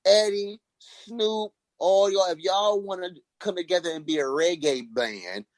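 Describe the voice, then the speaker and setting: A man co-hosting a casual podcast chat, telling stories in an animated way and laughing often. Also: sits high, a little slow, no room sound. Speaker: podcast co-host. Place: at work, listening on headphones.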